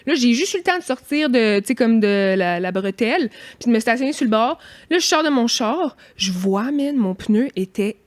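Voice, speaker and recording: Animated Québécois woman telling a story. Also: a little high, moderate pace, few pauses. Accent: Québécois French. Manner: animated, mimics noises and quotes herself. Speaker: podcast co-host. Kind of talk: casual storytelling chat.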